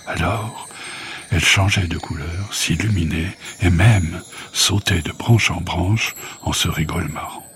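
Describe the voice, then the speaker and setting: Storyteller: a man with a very low voice, calm and gentle bedtime narration. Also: measured pace.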